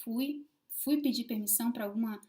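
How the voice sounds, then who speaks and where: A woman telling a personal story to camera in a casual, expressive way, swinging between loud emphasis and hushed asides. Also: a little high, normal speed.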